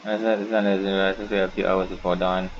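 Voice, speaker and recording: This gaming YouTuber's voice sits low, and he speaks at a moderate pace with a flat delivery. He rambles casually over his playthrough and reads the on-screen text in a half-mumble, captured in a dull, noisy home recording.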